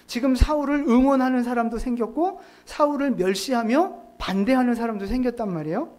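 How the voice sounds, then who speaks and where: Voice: mid-range voice, a little fast, darkish tone. A pastor giving a sermon in a conversational way, often asking the congregation rhetorical questions. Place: church sanctuary.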